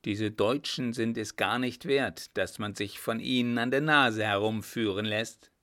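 A man's voice: lowish voice, measured pace, bright, forceful tone. Man doing a sly, cheeky coachman. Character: sly, cheeky coachman who mocks his captain.

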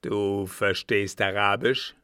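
A man voicing a furious old captain who barks and growls loud, angry questions in an audiobook reading. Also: fairly low pitch, steady tone, takes it slowly, clean tone, no echo, clean studio sound. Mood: growling angry. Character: old furious male captain, a snarling bully.

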